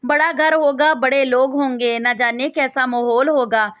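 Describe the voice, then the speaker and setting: A woman voicing a worried, loving mother in a storybook, with a gentle, coaxing reading. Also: high-pitched, fairly even intonation, clear, resonant tone.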